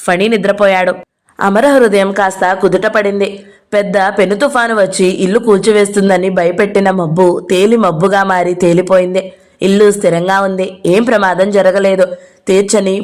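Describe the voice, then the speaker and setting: A woman narrating a novel aloud for an audio book channel, with steady, even storytelling. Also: mid-range voice.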